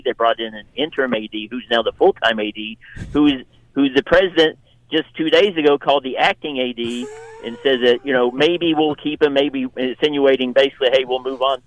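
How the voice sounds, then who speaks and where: In an unscripted sports radio interview, a male guest journalist with a medium-pitched voice gives his take in a conversational, halting way, restarting phrases as he goes. The recording is dry and lo-fi.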